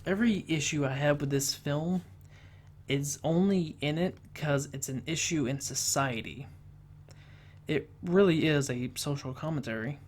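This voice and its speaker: A man reviewing a film, talking earnestly and haltingly, often restarting his sentences. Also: medium pitch.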